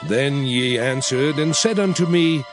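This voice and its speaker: An actor playing Moses as a solemn leader, narrating dramatized scripture in a measured, declamatory way. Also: male voice, mid-range voice, lightly acted. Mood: grave, stern. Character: Moses, solemn elder leader addressing his people. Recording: music behind the voice.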